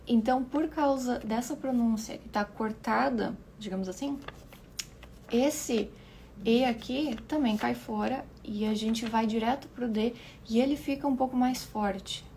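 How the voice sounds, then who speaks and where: A woman English teacher giving an online lesson, explaining patiently, repeating words slowly for pronunciation and often checking in with her listeners. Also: a little high, a little mellow, a little hiss or hum.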